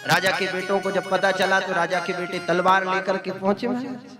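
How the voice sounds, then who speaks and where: Male religious storyteller, high-pitched, animated scripture discourse over instrumental music. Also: moderate pace. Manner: acts out story voices with lively pitch swings.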